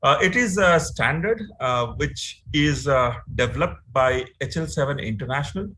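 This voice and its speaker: A man's voice: mid-range voice, animated, moderate pace, bright, forceful tone, slight background noise, rough recording. A man with an Indian English accent giving an online training lecture, explaining step by step with many fillers and frequent "right?" checks. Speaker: instructor.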